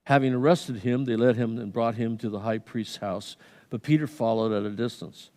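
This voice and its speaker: A man preaching a sermon, retelling a story with animated swings from loud to hushed. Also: medium pitch, moderate pace. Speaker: pastor. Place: church sanctuary. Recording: long reverb of a hall.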